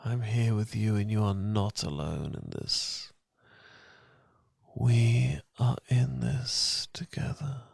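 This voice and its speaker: Gentle and unhurried, a British man's husky, often whispered voice plays a caring boyfriend comforting his partner in a slow romantic ASMR relaxation piece. He's right up on a dry, close microphone; his voice runs on the low side and there's no echo.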